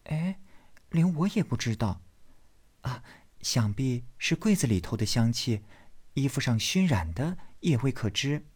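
Man doing a teasing, sharp-tongued young girl, lifted high and hushed; storybook reading. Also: lively intonation, a little slow, husky. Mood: coy. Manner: coy, mocking, playful.

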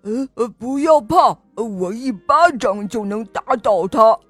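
A woman voicing a big bragging bear that panics quickly, grunting before its lines. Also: fairly high pitch, expressive, breathy edge, no room sound, faint music behind, heavily acted.

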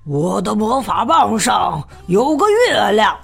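A woman's voice: medium pitch, sing-song, takes it slowly, vocal fry, a bit bright, slightly rough, soft background music, full character voice. A woman voicing a boastful, show-off wizard in a children's picture-book reading, bragging and blustering.

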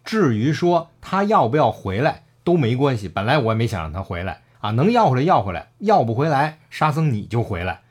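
A man's voice: mid-range voice, very animated, fairly quick, few pauses, slightly rough. A man casually retelling a classic story, acting out the characters' lines and laughing often.

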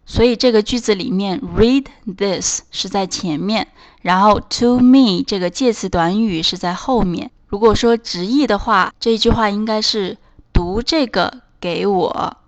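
A woman's voice: medium pitch, unhurried. A woman teaching a beginners' language lesson, spelling out words and patiently repeating example phrases. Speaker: English teacher. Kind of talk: slow scripted language lesson.

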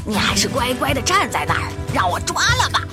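A woman voicing a hungry, menacing wild cat villain who taunts its prey in a children's audio fairy tale, with cackling, drawn-out delivery. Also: sits high, very animated, loud music behind the voice, pitched above the performer's own voice. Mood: taunting, menacing.

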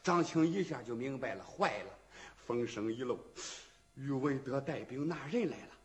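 A man's voice: medium pitch, expressive, moderate pace. A man with a Shandong accent performing a traditional rhythmic storytelling piece in rhymed, dramatic patter.

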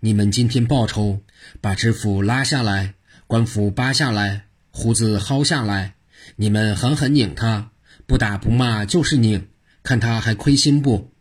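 A man's voice: fairly low pitch, a little slow, slightly rough. A man doing Jigong, cheeky mad monk. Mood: urging. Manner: teasing, cheeky, playing the fool. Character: eccentric mocking mad old monk.

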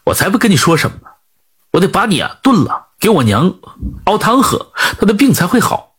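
Guy doing a blunt earnest young fisherman, husky, talks fast. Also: sits high, very animated, a bit bright, full character voice.

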